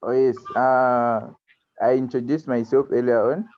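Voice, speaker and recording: A nineteen-year-old man from Zambia, speaking haltingly and earnestly as a student guest on a video call. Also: mid-range voice, flat delivery. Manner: halting, earnest, many restarts. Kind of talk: video call introduction and talk. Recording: dry, dull lo-fi call audio.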